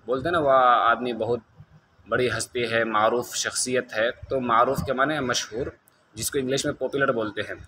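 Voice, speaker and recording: Bright-toned man teaching slowly. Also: medium pitch, a little hiss or hum. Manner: explains step by step, asks and answers own questions, drawls letter sounds slowly. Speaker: Quran reading teacher. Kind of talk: lesson addressed to viewers.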